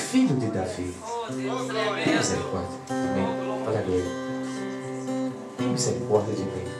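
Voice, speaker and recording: A man preaching a sermon, animated, swinging between loud exclamations and quiet asides. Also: medium pitch. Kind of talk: pentecostal sermon. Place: church hall. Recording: echoey church with guitar music. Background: guitar playing.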